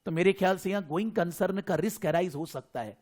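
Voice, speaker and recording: A man's voice: high voice, fast, darkish tone. A man with an Indian accent teaching an accounting class, explaining in a mix of Hindi and English. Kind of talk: online class lecture.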